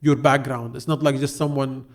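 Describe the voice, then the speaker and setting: A man with a gravelly, slightly creaky voice hosts a relaxed interview podcast. He talks in a loose, chatty way, full of fillers and restarts, at a middling pitch. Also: normal speed. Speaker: podcast host. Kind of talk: casual interview chat.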